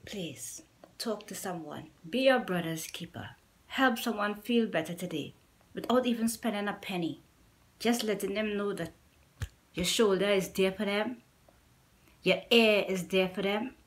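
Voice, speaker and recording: A middle-aged Trinidadian woman, a YouTuber, speaks to camera from a small room at home, telling a personal story with a Trinidadian accent. Her medium-pitched voice is unhurried, earnest and pleading, and she repeats points to drive them home.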